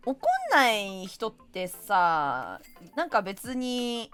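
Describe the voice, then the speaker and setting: Lively, high-voiced woman streamer. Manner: animated, playful, quick to laugh and mimic others. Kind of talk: casual chat while gaming, reading viewer comments.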